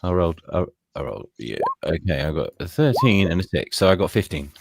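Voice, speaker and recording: A man playing a tabletop game, talking casually and haltingly as he works out his turn. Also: sits low, big pitch swings, vocal fry, background noise. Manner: halting, restarts often. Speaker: player.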